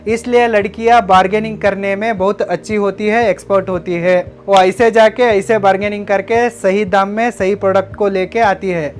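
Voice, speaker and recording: A man narrating a business lesson, giving step-by-step tips in an instructive way and addressing viewers as friends. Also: sits high. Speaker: business educator. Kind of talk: scripted narration.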